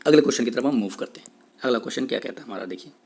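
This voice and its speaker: A man with an Indian English accent teaching exam vocabulary in a Hindi-English lecture, repeating himself often and saying English definitions slowly. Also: mid-range voice, lively intonation, gravelly, darkish tone, slightly rough. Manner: repetitive, checks in with "theek hai", says English definitions slowly.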